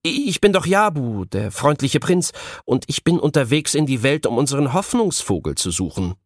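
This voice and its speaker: A man's voice: mid-range voice, very animated, normal speed, no room sound, studio quality, pitched above the performer's own voice. A man voicing a timid, friendly young prince in an audiobook, earnest and anxious.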